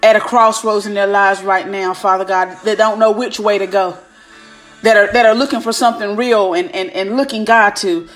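A woman's voice: medium pitch, steady tone, moderate pace, a bit bright. A woman praying aloud like a preacher, fervent and commanding, punctuating her phrases with repeated invocations of God. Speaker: preacher leading prayer. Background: music.

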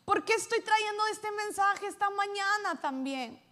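A woman pastor preaches to her congregation in a high, bright voice. She swings from loud, ringing calls to soft, hushed asides as she talks. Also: expressive, unhurried. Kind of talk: sermon.

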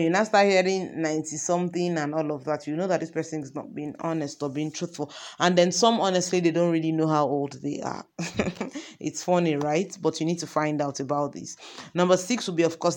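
A woman's voice: deep voice, a little mellow. A woman teaching an informal parenting lesson, talking conversationally with many example questions. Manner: conversational, asks many example questions, frequent ums and you knows.

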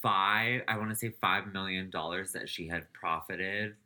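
A man's voice: low-pitched, unhurried, bright, forceful tone. A man co-hosting a podcast, recounting celebrity gossip in casual chat, laughing and saying "um" as he goes. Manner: laughs while telling, trails off with "um". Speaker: podcast co-host.

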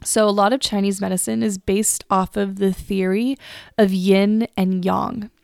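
A woman's voice: mid-range voice, little pitch movement, a little slow, vocal fry, a little mellow, no echo. A young woman in her twenties hosting a solo podcast, talking in an earnest, chatty way that often repeats words as she restarts. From United States. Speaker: podcast host. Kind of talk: casual solo podcast talk. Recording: dry close recording.

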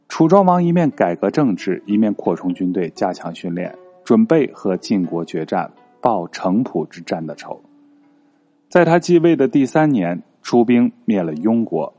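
Storytelling dad, low husky voice, animated delivery, soft guitar behind. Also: male voice. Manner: expressive, animated. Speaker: father telling stories. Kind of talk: children's history storytelling. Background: faint guitar music.

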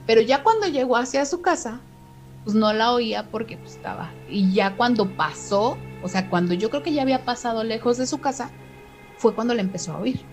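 A woman's voice: a little high, a little fast, a little mellow, soft background music, rough recording. A middle-aged woman with a Mexican accent tells a story in casual chat and acts out the quoted dialogue in shifting voices.

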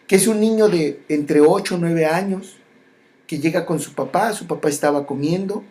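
A mid-range voice with a darkish tone delivers a reflective spiritual monologue. The pace is slow, phrases get repeated, and there are frequent pauses and restarts.

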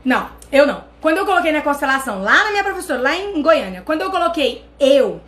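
A Brazilian woman with a Brazilian accent, hosting a channel and telling a personal story in an animated way, talking straight to her viewers. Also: high-pitched, fast. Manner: animated, addresses viewers directly. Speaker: channel host.

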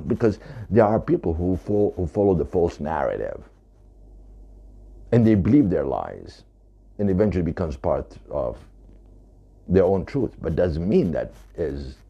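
Very deep gravelly man, emphatic. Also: big pitch swings, normal speed, mellow, highs cut off. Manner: emphatic, repeating points. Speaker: author. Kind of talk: talking to camera about his book.

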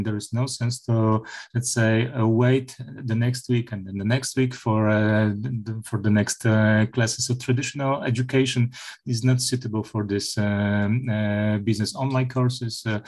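Middle-aged male professor, halting interview answers full of fillers. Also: lowish voice, darkish tone. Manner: hesitant, many filler sounds and restarts. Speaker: university professor, interview guest.

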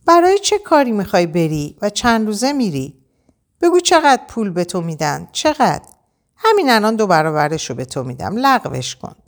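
A woman's voice: medium pitch, big pitch swings, pitched above the performer's own voice. A woman voicing an anxious, spoiled rich young woman who pleads and stammers in an audiobook. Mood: pushy.

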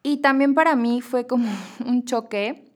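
A young adult woman with a Mexican Spanish accent talks through a casual podcast monologue. She is chatty and animated as a psychologist host. Her quoted dialogue jumps up in pitch. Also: unhurried.

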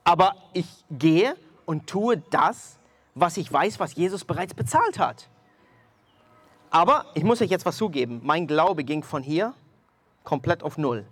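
Lively storytelling preacher man. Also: a little high, unhurried, husky. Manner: animated storytelling, addresses listeners directly. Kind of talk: sermon testimony.

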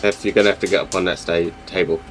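Fast-talking, lowish-voiced man. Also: steady tone, faint music behind. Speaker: tabletop game player. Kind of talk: casual game chat.

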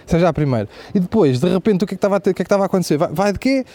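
A young man with a European Portuguese accent rattles through a stand-up story at speed, his voice sitting high for a man. His tone is mellow and dark, and the sound is dry and close with no room echo. He swears freely and keeps turning to the audience with asides. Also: racing. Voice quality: profane, animated storytelling with asides. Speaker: comedian host. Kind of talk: stand-up comedy monologue.

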